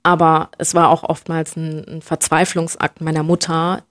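A young woman from Germany, speaking reflectively as an interview guest and often pausing to search for words. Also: low-pitched, monotone, no echo, studio quality. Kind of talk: personal interview conversation.

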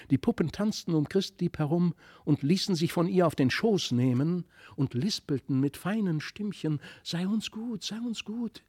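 Man narrator, fairly high gravelly voice, expressive storybook reading, dry close sound. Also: no room sound. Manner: expressive, lilting. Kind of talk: storybook reading of a fairy tale.

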